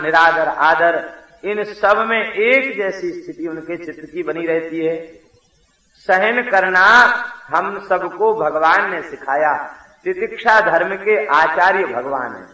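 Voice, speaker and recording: A man giving a devotional sermon, telling stories in a measured way and sometimes chanting verse. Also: a little high, pushed and bright, echoey room, low-quality recording. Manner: measured storytelling with sung verse. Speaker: preacher.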